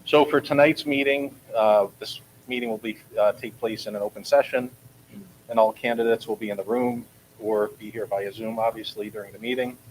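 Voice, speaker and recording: A man chairing a school board meeting, laying out the procedure in a steady, procedural way with small restarts, speaking from a board table in a meeting room. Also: on the low side, brisk, slight background noise, rough recording. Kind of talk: running a public meeting.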